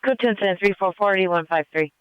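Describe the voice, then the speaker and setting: A man's voice: high voice, brisk, smooth, dry recording, lo-fi sound. A man working as a police dispatcher, reading out calls over a police radio transmission in a terse, clipped manner.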